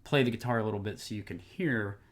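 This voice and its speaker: A man's voice: lowish voice, fast. A man casually talking through a microphone test at home, rambling with fillers and moving closer and farther from a desk condenser mic. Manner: easygoing, rambling, lots of fillers. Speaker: tech reviewer. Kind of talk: casual product demo. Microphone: condenser desk microphone, distance changing.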